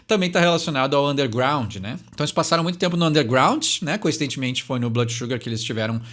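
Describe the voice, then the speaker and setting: A man's voice: medium pitch, lively intonation, quick pace, a bit bright. A young man, hosting a channel and casually explaining song lyrics, thinking aloud and ending phrases with tag questions.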